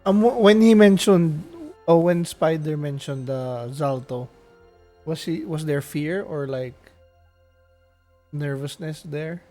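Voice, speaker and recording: Mellow guy playing a tabletop rpg, highish voice, asking stuff casually, bit halting, music low behind. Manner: inquisitive, halting. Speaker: tabletop game player. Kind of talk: casual chat. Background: faint music.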